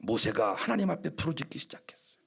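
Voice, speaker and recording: A male pastor, preaching a sermon emphatically and with humor, swinging from hushed tones to shouts. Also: on the high side, sing-song, fast, creaky, husky. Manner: humorous, acting out church squabbles.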